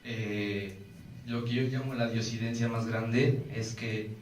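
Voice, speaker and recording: A man's voice: mid-range voice, fairly even intonation, slow, darkish tone, a little hiss or hum. A young Mexican man with a Mexican Spanish accent giving an intense personal faith testimony and acting out the voices of people he quotes. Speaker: testimony speaker. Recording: roomy, distant mic, faint ambience.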